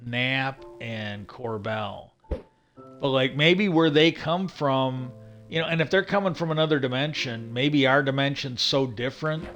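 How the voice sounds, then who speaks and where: Man, livestream host, casual rambling talk, lots of restarts, mid-pitched voice. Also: a bit bright. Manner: casual, digressive, many restarts.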